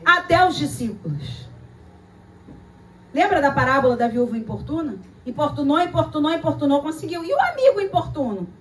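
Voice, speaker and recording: A Brazilian woman preaches a lively sermon with a high voice, acting out the people in her stories and hammering phrases through repetition. She is picked up from some distance away, with a faint hum of noise behind her. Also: fairly quick. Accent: Brazilian Portuguese. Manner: dramatic storytelling, acting out voices and repeating phrases. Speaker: pastor.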